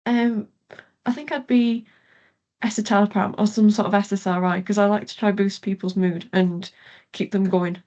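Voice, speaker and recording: A woman's voice: mid-range voice, little pitch movement, normal speed, darkish tone. A young woman from Galway with a west of Ireland accent, answering questions casually as an interview guest. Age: young adult. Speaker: interview guest, pharmacy student.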